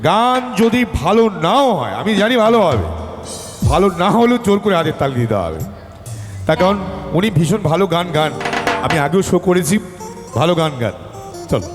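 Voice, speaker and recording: High-voiced man hosting a stage show. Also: big pitch swings, brisk, pauses often, soft background music. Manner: joking, hyping up the crowd. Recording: stage PA with long reverb.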